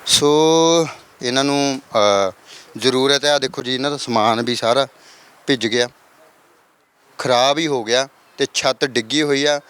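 A man's voice: mid-range voice, fairly even intonation, a little slow, fairly bright tone, clear, resonant tone. A man reporting on location from a flooded village, earnestly appealing to viewers for help. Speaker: field reporter.

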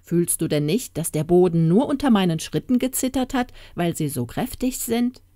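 A woman's voice: on the low side, very animated, moderate pace, warm tone, no room sound, clean studio sound. Woman doing a haughty boastful old king. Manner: haughty, scolding.

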